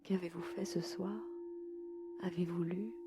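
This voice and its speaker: A woman leading a guided yoga nidra sleep meditation in a slow, soft and soothing way. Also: lowish voice, steady tone, vocal fry, over loud music.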